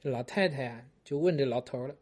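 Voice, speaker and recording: A man's voice: medium pitch, fast talker, a little mellow. A man hosting a talk segment and casually telling a joke, chatty, with frequent restarts. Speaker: host and storyteller.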